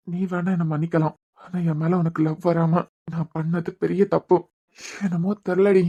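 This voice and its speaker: A man playing a guilt-ridden young husband with a Kanyakumari accent, rushing through his brooding thoughts in a dark, mellow tone. The lo-fi recording sounds dull and muffled, fitting a cartoon love serial. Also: fairly high pitch. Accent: Kanyakumari Tamil. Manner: brooding inner monologue, fast. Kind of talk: cartoon web series voice acting.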